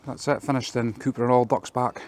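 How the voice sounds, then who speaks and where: Filming a casual work vlog outdoors in a garden, a man who builds fences walks through a job, explaining it plainly and practically with frequent ums. He speaks fairly quickly at a medium pitch, with a steady, darkish tone.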